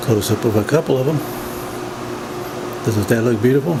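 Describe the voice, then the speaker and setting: A folksy, plain-spoken man casually talks through a home cooking demo in his kitchen. His voice sits at medium pitch and moves at a moderate pace, with a steady room hum and noise in the background.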